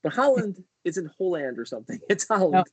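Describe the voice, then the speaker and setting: A man's voice: high-pitched, very animated, a little fast, slightly rough, no echo, low-quality recording. A man hosting a casual livestream interview, chatty and eager, often restarting his sentences. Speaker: host.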